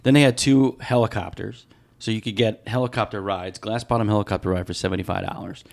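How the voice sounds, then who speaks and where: A podcast co-host with a lowish, creaky, darkish voice talks fast in fairly even intonation. In casual chat he rambles through a long story, piling on details.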